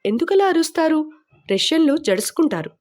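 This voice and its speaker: A woman's voice: high voice, very animated, a little fast, a little mellow, pitched above the performer's own voice. A woman reading the part of a curious, teasing young woman traveler in an audiobook, asking playful questions.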